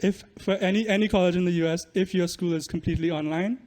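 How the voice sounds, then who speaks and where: This young adult from Trinidad and Tobago, both student and musician, explains things as a podcast guest in relaxed interview conversation. He talks fast, with a high, darkish voice and fairly even intonation.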